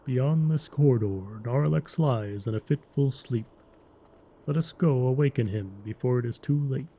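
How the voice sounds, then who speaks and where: Man voicing a very dark-toned, solemn Tauren druid. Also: medium pitch, lightly acted, low-quality recording. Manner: grave, deliberate druid speech, formal phrasing. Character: solemn male Tauren druid disciple, earnest and resolute. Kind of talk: fantasy game lore storytelling.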